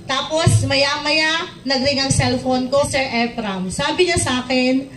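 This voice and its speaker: Middle-aged woman, personal testimony, acts out the dialogue, high voice, echoey room, far from the mic. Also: unhurried, a bit bright, a little hiss or hum. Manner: retells events by acting out quoted dialogue. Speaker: product user giving a testimony.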